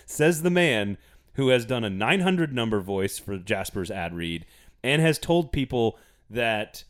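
Here the sports podcast host talks unhurriedly in an animated, medium-pitched voice. Playful and teasing, he reads an ad enthusiastically on his casual show.

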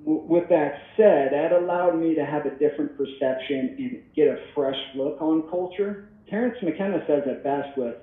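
A man's voice: on the high side, moderate pace, few pauses. A man in his thirties, a podcast guest in casual talk, rambling and reflective with many restarts, heard over the phone. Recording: tinny, echoey phone line.

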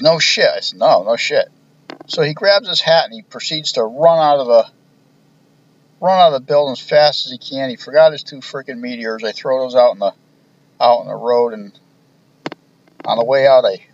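A middle-aged man, a retired police officer, telling wry, profane stories from his career in a deadpan way. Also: medium pitch, normal speed. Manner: profane, wry, deadpan storytelling with quoted dialogue. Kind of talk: casual storytelling. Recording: dull lo-fi podcast recording, faint hiss.

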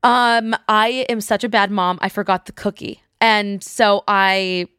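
A woman's voice: mid-range voice, clear, resonant tone, no room sound, clean studio sound. A woman co-hosting a podcast, chatting casually and telling stories animatedly, laughing often. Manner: animated storyteller, quick to laugh. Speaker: podcast co-host. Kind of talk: casual chat.

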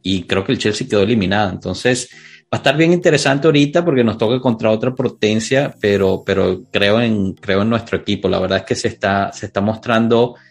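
A man's voice: on the low side, brisk, vocal fry. A man with a Latin American accent hosting a casual sports podcast discussion. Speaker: podcast host.

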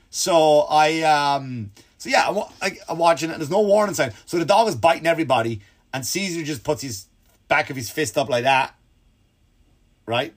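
A man hosting a comedy podcast, ranting animatedly and swearing, with his voice jumping up when he gets worked up. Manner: animated, swearing, pitch leaps when excited. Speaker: podcast host. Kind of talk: comedic storytelling rant.

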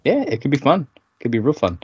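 A man's voice: medium pitch, sing-song, fairly quick, darkish tone, husky, dry recording. A man co-hosting a podcast, chatting in an easygoing, rambling way and laughing often. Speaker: podcast co-host. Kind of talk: casual chat recapping a sitcom episode. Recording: dry, dull lo-fi sound.

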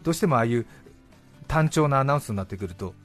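A man's voice: medium pitch, racing, faint music behind. A male radio host in casual studio chat, reading out listener letters and acting out the quoted lines. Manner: lively, reads letters with playful voiced quotes. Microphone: studio microphone.

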